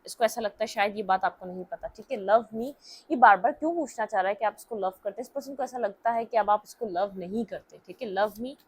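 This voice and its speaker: A woman's voice: medium pitch, quick pace, few pauses, husky. A young woman giving a casual tarot reading to her viewers, talking things through and checking in with frequent "okay"s. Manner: talkative, keeps checking in with "theek hai", mixes English words. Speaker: tarot reader.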